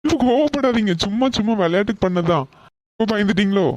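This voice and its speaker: A woman voicing a playful, teasing young woman in an animated story, speaking in a light, mischievous way. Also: mid-range voice, quick pace, no echo, lightly acted. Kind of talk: cartoon voice acting.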